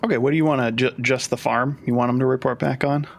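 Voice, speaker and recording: Male game master, gravelly, hesitant delivery, full of restarts. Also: medium pitch, fairly even intonation, fast talker. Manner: hesitant, many fillers and restarts. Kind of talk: narrating a tabletop game.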